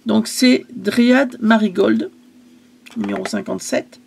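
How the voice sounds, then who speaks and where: A woman's voice: medium pitch, takes it slowly, gravelly, a little mellow, a little hiss or hum. A woman casually selling her craft supplies in a vlog, chatty and hesitant, stumbling over English product names.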